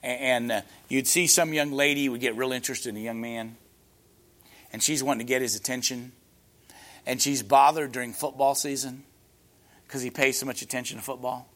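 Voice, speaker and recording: A middle-aged man preaching a sermon, emphatic and rhetorical, answering imagined objections and rising to loud peaks on key points. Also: medium pitch, steady tone, moderate pace.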